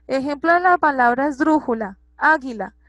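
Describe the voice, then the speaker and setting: Patient high-voiced woman teaching grammar. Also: lively intonation, normal speed, a bit bright, dry recording. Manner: patient, repeats and checks understanding. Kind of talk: classroom grammar lesson.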